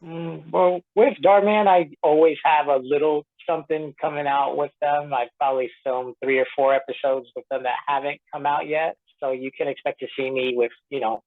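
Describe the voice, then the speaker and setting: An actor being interviewed, born in Puerto Rico and from Tampa Bay, Florida, in the United States, gives casual, conversational answers over a tinny, narrow-band phone line. His voice is on the high side, with fairly even intonation, a moderate pace and few pauses.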